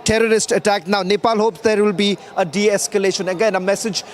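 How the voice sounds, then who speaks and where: A man presenting live news updates in a measured briefing tone, with frequent filler sounds. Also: high voice, steady tone. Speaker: news anchor.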